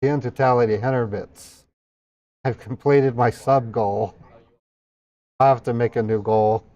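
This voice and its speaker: A male livestream host works through subathon hype, calling out donor names and amounts. His delivery is casual, with appreciative exclamations between the lists. His pitch is average, and the audio is slightly dull and lo-fi. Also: fairly even intonation, unhurried, darkish tone. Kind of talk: subathon hype, rapidly reading out donations and thanking viewers.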